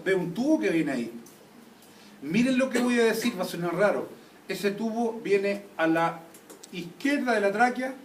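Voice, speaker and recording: A man teaching an anatomy class, constantly quizzing students with check questions. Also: sits high. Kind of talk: classroom lecture. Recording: echoey room, taped from a distance, faint noise.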